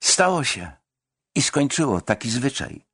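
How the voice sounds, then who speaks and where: A man's voice: medium pitch, big pitch swings, measured pace, fairly bright tone, husky, no room sound, clean studio sound, heavily acted. A man voicing a pompous, mustached official who lectures young men in a grand, preaching tone, for an audiobook. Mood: solemn.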